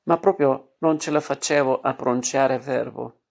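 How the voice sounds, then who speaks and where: A man narrates a literary story in a measured, expressive manner. His voice has a gravelly, creaky texture at a middle pitch. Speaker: reader.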